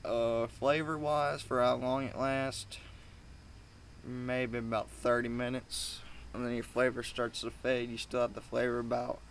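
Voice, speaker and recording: A young man rambles through an informal review with chewing tobacco tucked in his lip. His voice sits at an average male pitch, barely moves in melody and crackles with fry. He speaks haltingly and coarsely, over faint vehicle noise. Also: flat delivery. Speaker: amateur product reviewer.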